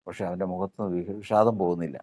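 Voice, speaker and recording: A man's voice: sits low, steady tone, fast, warm tone. A male preacher giving a sermon, repeating phrases and asking rhetorical questions.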